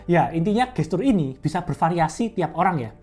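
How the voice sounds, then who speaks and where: A woman's voice: on the low side, animated, brisk. A young woman in a casual educational vlog, coaching public speaking in a chatty, step-by-step way. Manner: chatty and conversational, explains step by step.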